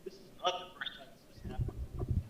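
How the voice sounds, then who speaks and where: A man's voice: a little fast, echoey room, far from the mic, noisy background. An older man giving prepared public comment at a council meeting over a remote call, his audio glitching and breaking up. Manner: reads prepared remarks, clears throat. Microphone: computer or phone on a video call.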